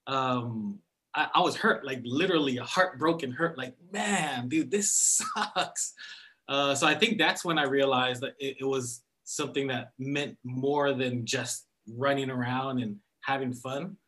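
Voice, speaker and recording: Man, interview guest, earnest, casual slang, mid-pitched. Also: a little slow, sharp tone. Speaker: former baseball player, guest.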